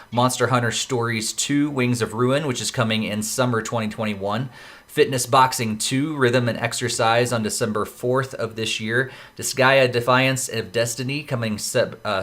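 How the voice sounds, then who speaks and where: A man's voice: mid-range voice, a bit bright. A man hosting a casual gaming podcast, running through a list of news items with lots of "uh" fillers. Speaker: podcast host.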